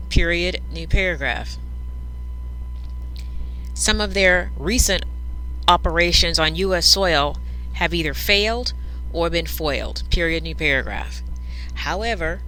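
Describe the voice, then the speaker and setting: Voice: mid-range voice, bright, forceful tone, a little hiss or hum, low-quality recording. A news reader dictating a script aloud, speaking each punctuation mark and paragraph break between the sentences.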